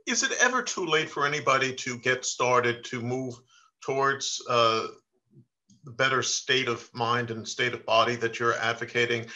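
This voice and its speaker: A man in his fifties hosts an interview podcast and asks his guest questions. His voice is bright and forceful at a middle pitch, and he jokes at his own expense. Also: moderate pace, rough recording. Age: 50s. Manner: joking, self-deprecating. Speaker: podcast host.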